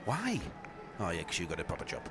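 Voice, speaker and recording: A man's voice: sits low, huge pitch swings, fast, pushed and bright. A man with a Yorkshire accent hosting a football podcast outdoors, mixing blunt, teasing banter with casual live match commentary. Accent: Yorkshire English. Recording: outdoor football ground, traffic and ambient noise.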